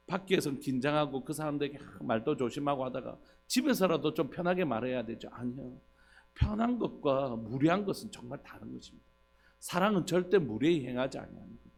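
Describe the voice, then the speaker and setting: Male pastor, gravelly tone, earnest conversational sermon delivery, faint mains hum under the voice. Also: mid-range voice. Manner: earnest, conversational preaching with fillers. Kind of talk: dawn service sermon. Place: church.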